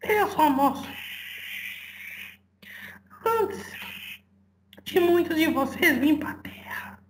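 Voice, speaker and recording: A woman's voice: high voice, animated. A woman channeling Mirim, a tiny whispering spirit. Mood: whispery earnest. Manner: whispery, slow, calls the listener "moço". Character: small whispering spirit guide channeled by a medium. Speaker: spirit medium.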